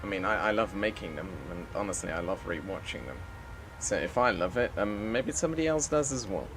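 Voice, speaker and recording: A man's voice: fairly low pitch, lively intonation, brisk, over music. A man live-streaming a flight simulator, chatting casually and making the odd pilot radio call.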